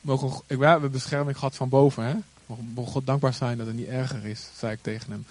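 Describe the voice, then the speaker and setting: A man who is a pastor, telling a story in a calm, earnest way and acting out the voices of the people he quotes. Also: medium pitch, fast talker. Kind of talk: sermon-style storytelling.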